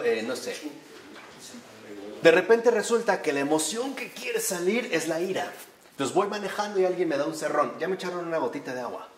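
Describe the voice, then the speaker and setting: Man lecturing in a roomy hall. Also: high-pitched. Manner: explanatory, often adds tag questions. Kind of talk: talk to a live audience. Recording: roomy echo with faint ambience.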